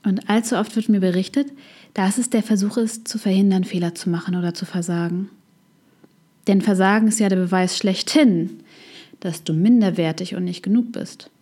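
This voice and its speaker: A woman psychologist hosting a self-help podcast, speaking in a calm, scripted way straight to the listener. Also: mid-range voice, normal speed.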